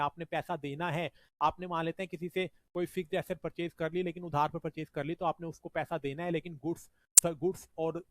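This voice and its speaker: A man teaching a revision lecture. He explains step by step and often adds "ठीक है जी" as a check-in. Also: on the high side. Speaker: accounting teacher.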